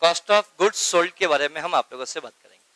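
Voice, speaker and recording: A man's voice: a little high, lively intonation, normal speed, sharp tone, dry recording, soft background music, rough recording. A man teaching an accounting class, repeating key terms and checking again and again that his students follow along. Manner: keeps asking students if they follow, calls them beta; mixes Hindi with English accounting terms. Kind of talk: classroom lecture.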